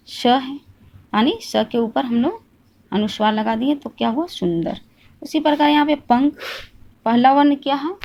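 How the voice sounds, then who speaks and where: A fairly high-voiced woman teaches a grammar lesson step by step. She keeps asking questions and answering them herself, and she repeats each point slowly so it sinks in. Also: gravelly, darkish tone.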